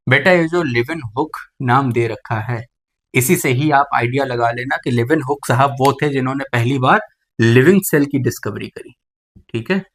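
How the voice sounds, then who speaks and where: A man's voice: medium pitch, a bit bright. A man teaching biology in a lecture, often calling students "beta" and asking questions, then answering them himself. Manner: addresses students as "beta", asks and answers his own questions. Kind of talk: classroom lecture.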